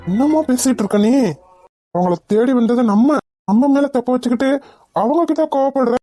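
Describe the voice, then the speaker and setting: A lovesick young man from a cartoon, as a woman voices him, earnest and pleading. His voice is mellow and rather high, recorded dry and close. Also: a little fast, no room sound, soft background music. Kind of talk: cartoon voice acting.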